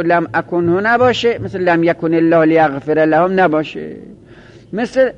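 High-voiced man teaching grammar, lo-fi. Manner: explains patiently, repeating and drawing out example phrases slowly. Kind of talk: classroom lecture. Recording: dull lo-fi recording.

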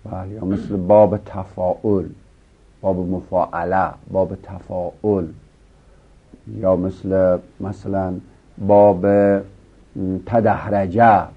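In this dull, lo-fi lecture recording, a man explains Arabic grammar rule by rule, posing questions and answering them himself. His husky voice sits low and barely moves in pitch.

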